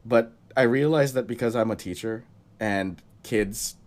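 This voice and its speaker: A young man co-hosts a casual podcast while he has a cold, rambling and chuckling often. His voice is medium-pitched and his pace measured.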